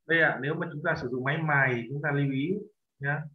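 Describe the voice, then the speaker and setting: A man's voice: fairly high pitch, steady tone, a little hiss or hum. Man teaching in an echoey room. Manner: corrects pronunciation patiently, repeats phrases slowly. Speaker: Korean language teacher. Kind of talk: language lesson. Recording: echoey, dull lo-fi room sound.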